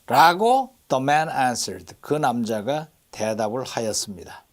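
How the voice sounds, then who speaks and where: Slow-talking male English teacher. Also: mid-range voice, lively intonation. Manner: explains slowly, repeats English phrases with stress. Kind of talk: bilingual English lesson.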